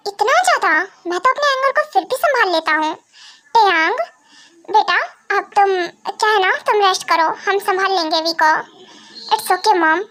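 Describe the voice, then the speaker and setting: Brief: woman reading a composed father figure, measured and reassuring, fan drama. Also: very high-pitched, sharp tone, full character voice.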